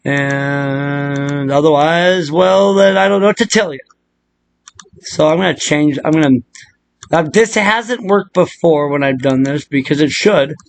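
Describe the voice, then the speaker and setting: A man with a noticeably high-pitched voice hosts a casual video tutorial, rambling loosely and unscripted and drifting into muttered asides. He's crude and joking, with plenty of profanity, and there's slight background noise.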